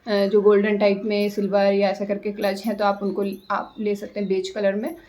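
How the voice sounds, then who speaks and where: A young woman giving casual style and confidence advice to her viewers, chatty and unhurried, pausing often on fillers. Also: mid-range voice. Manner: chatty, hesitant with many fillers; tries to talk slowly and calmly. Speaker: vlogger. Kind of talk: casual advice talk to camera.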